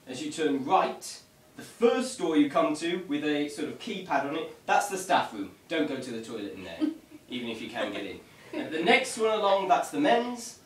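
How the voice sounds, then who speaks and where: A man giving an informal briefing to a group as a tour guide, with a wry, dryly humorous and slightly mock-formal manner. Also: fairly high pitch. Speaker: ghost tour guide leading a vigil. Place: indoors in an echoey room. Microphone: camera mic at a distance. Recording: echoey room, distant mic, faint noise.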